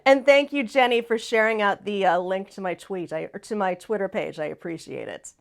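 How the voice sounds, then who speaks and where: A woman with a raspy voice, hoarse from laryngitis, chatting casually and emphatically as a folksy livestream host. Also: medium pitch, a little fast. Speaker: live stream host.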